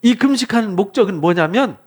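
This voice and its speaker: A pastor from South Korea delivers an expository sermon in a high, lively voice. He preaches with fervor, firing questions at his listeners and acting out the words of the people he describes. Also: fairly quick.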